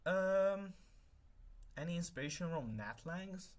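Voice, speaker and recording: Speaking slowly in a high, expressive voice, a young man whose native language is Hungarian chats on his live stream during work. His talk meanders, full of fillers and frequent self-corrections.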